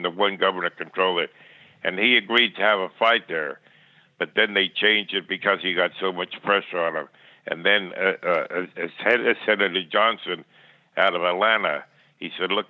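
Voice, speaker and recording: On a thin, tinny phone line, an older man being interviewed for a podcast looks back on the past in a plain, rambling way, stammering and repeating words often. His voice sits low, and there's no room sound.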